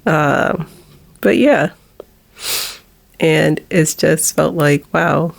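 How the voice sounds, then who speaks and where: Fighting back tears, a vlogger in her forties talks about a personal matter in a low, flat, gravelly voice. Her delivery is halting and broken up by nervous laughter.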